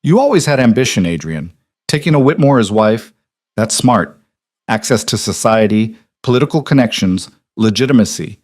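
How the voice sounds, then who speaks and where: A man's voice: on the low side, very animated, moderate pace, darkish tone. A man voicing a cold male crime boss in his seventies, speaking in dry, clipped, commanding lines.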